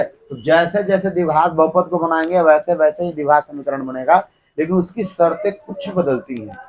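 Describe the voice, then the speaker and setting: A man lecturing a classroom in with a tinge, his voice sitting a bit high. He fires questions at the class and fills in the answers himself, keeping the lesson moving. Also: poor audio. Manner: keeps quizzing the class, then answering himself. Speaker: teacher. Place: classroom with students.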